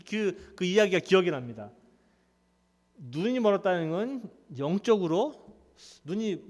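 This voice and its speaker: 활기차고 높은 목소리의 남자 목사, 교회 울림. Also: male voice, sits high, long reverb tail. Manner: conversational, animated storytelling with laughs. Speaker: pastor. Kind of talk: sermon. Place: church sanctuary.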